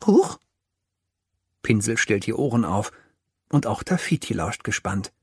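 A man narrating a children's audiobook, telling the story slowly and with life. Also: lowish voice, vocal fry, slightly rough, no room sound, studio quality. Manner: slow, lively storytelling.

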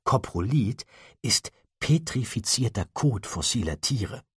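A wry teenage boy explorer, as a man reads him in an audiobook, talking low and hushed with a husky edge. His voice sits a bit higher than the narrator's, in a dry, close recording. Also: expressive, unhurried, no echo. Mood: teasing. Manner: muted, wry explanations.

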